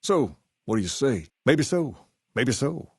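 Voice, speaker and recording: A man playing a self-assured, folksy gang boss in a video game, with a Southern US accent and a measured way of talking. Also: mid-range voice, sing-song, a little mellow, breathy edge, dry recording, clean studio sound, exaggerated voice. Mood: wry, businesslike. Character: charismatic, folksy male gang boss styled on a rock-and-roll idol. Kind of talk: video game character dialogue.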